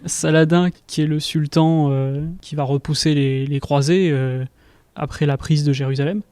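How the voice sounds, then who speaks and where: Young male researcher, higher-pitched and warm-toned, dry close recording, steady explanation. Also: smooth, dry recording. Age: young adult. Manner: measured, slightly hesitant. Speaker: junior researcher guest. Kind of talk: explaining his research in an interview. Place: research institute room.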